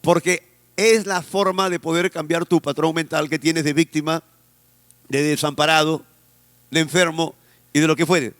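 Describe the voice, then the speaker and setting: A man's voice: a little high, fairly even intonation, normal speed, fairly bright tone, dry recording. A male pastor from Peru, preaching a sermon with a Peruvian Spanish accent and leading the congregation in repeating phrases back to him.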